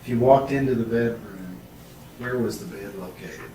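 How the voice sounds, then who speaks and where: A man's voice: medium pitch, normal speed, dark tone. A man questioning someone as a police interrogator, methodical and probing, repeating answers back. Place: echoey interrogation room, far mic. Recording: echoey room, distant mic, heavy noise.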